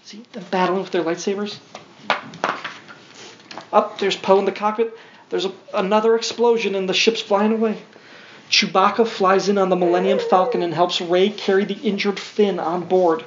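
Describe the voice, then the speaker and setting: The high voice of a man reading a storybook to his young son comes at normal speed with fairly even intonation, broken up by casual, playful comments. Audio is dull and lo-fi, with a little background noise.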